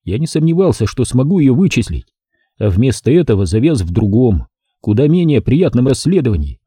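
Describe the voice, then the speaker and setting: Dark, husky male audiobook narrator. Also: mid-range voice, very animated, a little fast, no echo. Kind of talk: first-person audiobook narration. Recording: dry close-miked studio sound.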